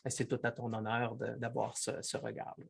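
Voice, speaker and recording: Male host, husky voice, halting praise. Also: mid-range voice, little pitch movement. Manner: warmly praising, repeats words as he searches. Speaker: interview host. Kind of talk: casual interview chat.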